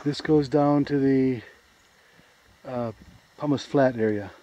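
A man's voice: mid-range voice, slow, warm tone. A man with an American accent casually narrating a forest trail hike outdoors, pointing out the sights as he walks. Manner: easygoing, plain, pointing out sights. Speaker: hiker filming a trail video. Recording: dull lo-fi camera audio.

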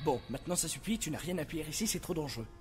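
A man's voice: on the high side, very animated, very fast. A man voicing an anxious, overprotective father clownfish in a cartoon fandub, scolding and pleading. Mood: stern worry. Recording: loud music behind the voice.

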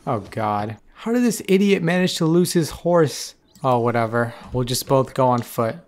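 A man giving casual, excitable commentary over a game he is playing, talking to the characters on screen as he goes. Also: medium pitch, moderate pace. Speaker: gaming video creator.

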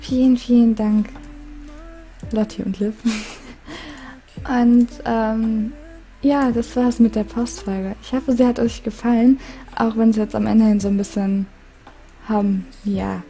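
A woman with a soothing, calm voice chats casually while reading letters from her viewers. Her tone is deeply mellow and warm, never sharp. She giggles often between lines. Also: measured pace, pauses often. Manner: giggly, reads letters aloud with frequent laughs. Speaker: gaming YouTuber.

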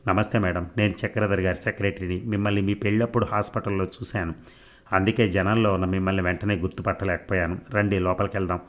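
A man's voice: low-pitched, steady tone, fast talker, close to an everyday voice. A man voicing a humble male secretary who talks courteously and deferentially, in an audiobook novel reading. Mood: polite.

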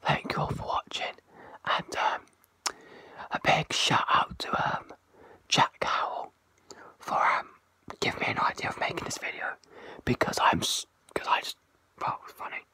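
A vlogger doing a joking mock ASMR clip, whispering loudly and goofily into a phone held close, mocking themselves as they go. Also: normal speed, no room sound. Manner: loud exaggerated whispering; goofy, self-mocking.

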